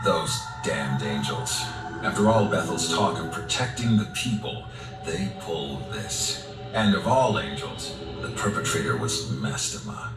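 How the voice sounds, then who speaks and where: Deep, grave game director. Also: male voice, expressive. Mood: bitter. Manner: formal, measured, deliberate. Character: grave, composed male director of a secret organization. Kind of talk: video game voice acting. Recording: roomy, distant sound under loud music.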